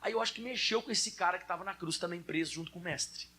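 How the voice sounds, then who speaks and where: Bright husky Brazilian male preacher. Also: sits high, fast talker. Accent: Brazilian Portuguese. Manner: conversational preaching, addresses congregation directly. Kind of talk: sermon.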